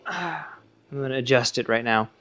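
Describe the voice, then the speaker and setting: A man's voice: mid-range voice, unhurried, pushed and bright. A young man co-hosting a podcast, casually rambling through a solo audio commentary from his living room on a phone headset. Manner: rambling, self-correcting, chatty asides. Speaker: podcast co-host. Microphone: headset plugged into phone.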